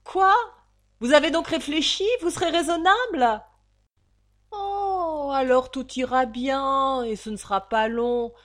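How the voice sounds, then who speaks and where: A woman voicing a coarse, greedy old female innkeeper with a hoarse, gravelly voice, loud and bullying. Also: high-pitched, slow pace, pitched above the performer's own voice. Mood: wheedling.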